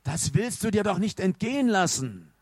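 A man's voice: high-pitched, normal speed, dry recording, voice pushed up. Man doing a cheeky village boy. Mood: teasing. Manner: teasing, excitable. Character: cheeky village boy, bold then scared.

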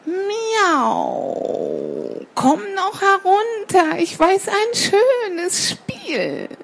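A woman's voice: very high voice, huge pitch swings, very slow, vocal fry, pitched above the performer's own voice, full character voice. A woman reading a children's story aloud and voicing a sly, lying female cat who coaxes and meows. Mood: coaxing. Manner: coaxing, purring with meows. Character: sly sweet-talking female cat, a liar.

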